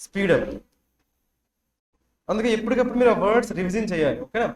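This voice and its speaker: Quick high-voiced man drilling vocabulary. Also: expressive, reverberant. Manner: drills words with constant questions to students. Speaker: teacher. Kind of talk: classroom vocabulary lesson.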